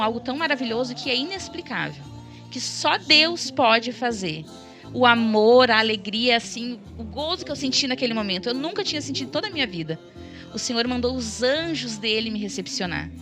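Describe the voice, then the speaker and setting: A woman's voice: fairly high pitch, expressive, fairly quick. A woman gives a fervent, emotional religious testimony as a church guest, often tagging her sentences with "né?". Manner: fervent, tearful in tone, keeps tagging "né?". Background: background music.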